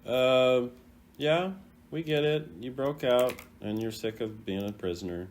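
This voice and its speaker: Rating game voice lines for his video, this male host talks at a measured pace in a medium-pitched voice, with slight background noise. His commentary is casual and off-the-cuff, rambling along with playful opinions.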